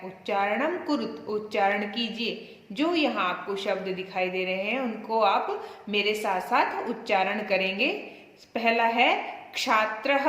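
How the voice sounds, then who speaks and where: A woman's voice: a little high, a bit bright. A woman teaching a class, explaining words patiently and asking her students questions. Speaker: Sanskrit teacher. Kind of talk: classroom lesson. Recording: echoey room with long reverb.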